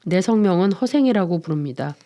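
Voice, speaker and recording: A woman's voice: on the low side, animated, fairly quick, dark tone, natural voice. A woman voicing a humble but commanding male scholar who speaks politely, in a dramatized book reading. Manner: polite, composed.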